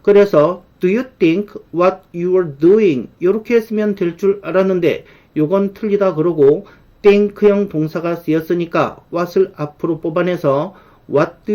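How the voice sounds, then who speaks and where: Brief: higher-voiced male grammar teacher, lively, drags out the examples. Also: highs cut off. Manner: lively explainer, slows right down to spell out English examples. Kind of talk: online grammar lesson.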